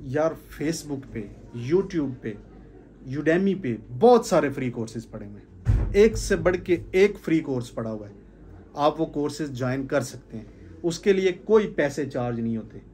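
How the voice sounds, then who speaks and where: A man's voice: on the high side, expressive, measured pace, dark tone, slight background noise. A man gives an informal sales talk to a small group, stressing points by repeating phrases. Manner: emphatic, repeats phrases for stress, gestures while talking. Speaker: sales trainer. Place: indoor room with curtains.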